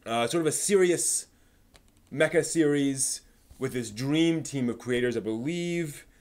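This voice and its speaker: A male streamer rambles through a chatty live stream on anime news and giveaways, working out his thoughts aloud. He has a mid-range, somewhat mellow voice.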